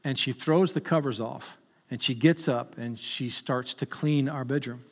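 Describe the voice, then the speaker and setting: A man's voice: medium pitch, measured pace, big-room sound. A middle-aged male pastor preaching a sermon in a conversational, humorous way that rises to urgent appeals.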